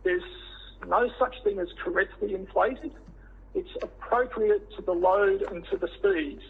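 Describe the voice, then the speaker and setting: An Australian man with a croaky, froggy, hoarse voice gives measured, halting formal testimony over a teleconference line. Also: sits high. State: hoarse after throat surgery. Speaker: witness, director of a tyre safety body. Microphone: phone or teleconference line. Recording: tinny, band-limited teleconference line.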